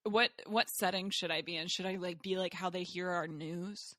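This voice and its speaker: A woman's voice: on the low side, steady tone, moderate pace, a bit bright, no room sound, studio quality. A woman with a Texan accent co-hosting a podcast, riffing casually and laughing easily. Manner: laughs easily, riffs on tangents. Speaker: podcast co-host. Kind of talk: casual chat.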